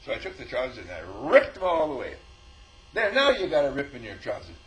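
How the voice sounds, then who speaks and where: This teacher, a fast-talking man with a mid-range voice, gives an informal spiritual talk full of stories where he performs both sides of the conversation, chuckling frequently along the way. It's a low-quality recording.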